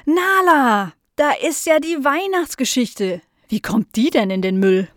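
A woman's voice: medium pitch, lively intonation, moderate pace, no room sound, close to an everyday voice. A woman playing a kind fussing aunt for a storybook, natural tone, dry close sound. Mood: scolding. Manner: warm scolding, then fond praise. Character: kind adult aunt, easily startled.

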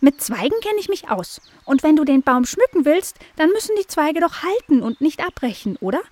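A woman voicing a chirpy little female blackbird in a children's audio story, squeaky and excitable. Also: normal speed.

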